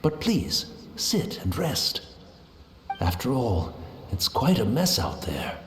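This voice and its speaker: Humble, lilting tea master, echoey. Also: male voice, medium pitch, wildly swooping pitch, takes it slowly, a bit bright, slight background noise, full character voice. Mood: humble, courteous. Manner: courtly, deferential, reflective. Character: humble, serene blind tea master, devoted retainer. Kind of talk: video game voice acting.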